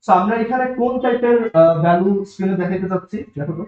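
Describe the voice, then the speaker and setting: A man with a Bangladeshi Bengali accent lectures a room of students, walking them through each step and checking they follow. His voice sits high. The room is echoey and the recording sounds dull and lo-fi. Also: fast. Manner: explains step by step, asks the class checking questions. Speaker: programming teacher. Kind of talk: classroom lecture. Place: classroom.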